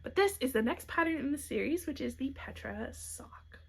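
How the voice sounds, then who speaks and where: A young woman with a high, gravelly, animated voice hosts a knitting podcast at normal speed, showing off her own designs. She has the hiccups but stays chatty and upbeat in this casual show-and-tell, with soft asides.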